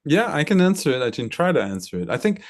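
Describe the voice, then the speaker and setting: A composer and violinist from Brooklyn, an American man in his thirties, reflects in an interview, searching for words and repeating some for emphasis. He talks fast in a fairly high voice with big swings in pitch.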